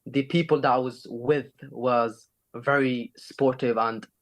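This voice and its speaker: A Swedish rapper and singer chats casually in an interview, his slangy talk full of filler like "innit" and "you know." His mid-range voice is a little slow, with fairly even intonation.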